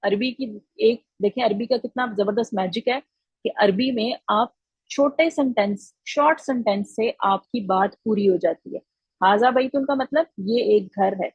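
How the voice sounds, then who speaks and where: A woman's voice: fairly high pitch, breathy edge, dry recording, highs cut off. A woman teaching children in an online class, patient and encouraging, repeating each answer back to them.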